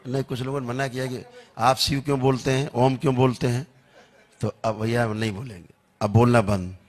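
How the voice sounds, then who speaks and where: A man acting as a spiritual healer who leads a public healing session, chanting softly and making wry jokes. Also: medium pitch, fairly even intonation, a little fast. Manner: soothing, chanting, wryly joking.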